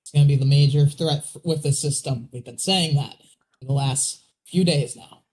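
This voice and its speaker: A man's voice: on the high side, moderate pace, darkish tone. A man co-hosting a weather livestream with casual, conversational live commentary and plain explanations.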